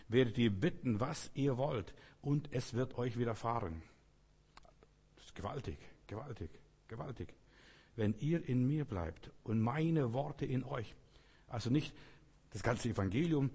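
A man delivers a sermon in a husky, slightly breathy voice, pressing his points hard and swinging between hushed intensity and loud exclamations. His words ring out with a long reverb, as if spoken in a large hall. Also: mid-range voice. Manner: emphatic, alternating quiet intensity with raised exclamations. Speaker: preacher.

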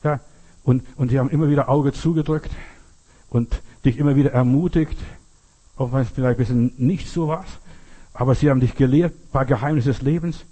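A man's voice: mid-range voice, brisk, dark tone, husky. An older man preaching a sermon, telling folksy personal stories and asking rhetorical questions. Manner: folksy storytelling, rhetorical questions, repeats "verstehst du".

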